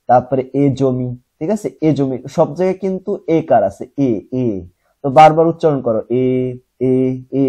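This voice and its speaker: Dark husky-voiced male teacher. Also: fairly high pitch. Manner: explains step by step, asks questions and answers them; repeats sounds slowly to demonstrate. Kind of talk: classroom lesson.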